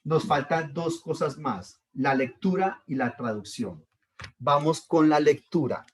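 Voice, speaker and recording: A man's voice: fairly high pitch, measured pace. A male teacher, leading a step-by-step grammar lesson. He patiently repeats each point and checks in with his students.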